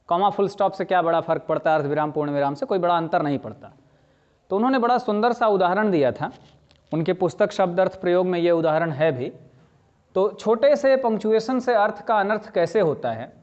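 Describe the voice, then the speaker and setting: A man with a high-pitched voice gives a classroom lecture on grammar. He explains patiently, repeats his key points and checks whether the students have understood. The recording sounds dull and slightly lo-fi. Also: darkish tone. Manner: explains slowly, repeats key phrases, asks students questions. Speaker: language teacher.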